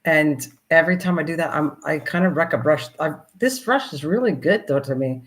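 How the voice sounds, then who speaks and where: A woman's voice: low-pitched, brisk, poor audio. Older woman, livestream host, casual chatter, rambling, talks to herself while crafting.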